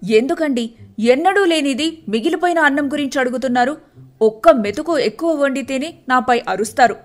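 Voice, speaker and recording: A woman's voice: sits high, expressive, a little fast. A woman voicing a timid, put-upon wife who answers her husband with mild exasperation. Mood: exasperated. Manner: exasperated, complaining.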